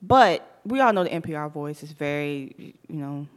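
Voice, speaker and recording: A young woman co-hosting a radio talk show, chatting in an animated, easygoing way. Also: deep voice, normal speed. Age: young adult. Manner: chatty, animated, laughs easily. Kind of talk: casual chat.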